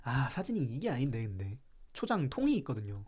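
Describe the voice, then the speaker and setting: A man's voice: medium pitch, wildly swooping pitch, fairly quick, darkish tone, husky. A man from Chungcheong, South Korea, hosting a live stream and ranting about food in a playful, mock-serious way while reacting to chat.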